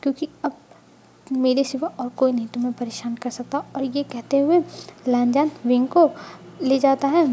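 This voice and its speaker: A woman narrating a fan fiction story in a casual storytelling style, with a plain, steady delivery. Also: sits high, slight background noise.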